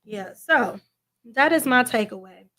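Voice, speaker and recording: High-voiced, animated woman in her forties. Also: measured pace. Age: 40s. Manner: animated, laughs often, repeats phrases for emphasis. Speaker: livestream co-host. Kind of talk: casual chat. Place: at home.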